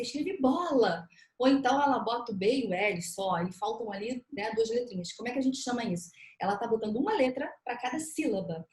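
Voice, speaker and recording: Brazilian woman educator, animated explainer, high pitch, roomy echoey recording. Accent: Brazilian Portuguese. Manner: animated, acts out parents' reactions. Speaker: educator guest on a panel. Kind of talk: explanatory panel discussion. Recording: echoey room sound.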